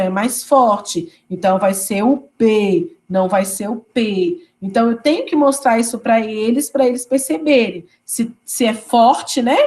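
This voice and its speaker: A woman's voice: a little high, darkish tone. A woman teaches an online class for teachers. She explains patiently and step by step, and she keeps checking in with short tag questions. She sounds like she is talking on a video call. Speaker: teacher trainer. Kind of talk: online teacher training lecture.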